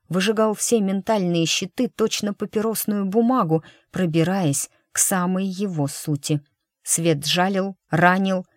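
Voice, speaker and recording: A woman narrating an audiobook in an even, measured way. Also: fairly low pitch, no room sound, studio quality.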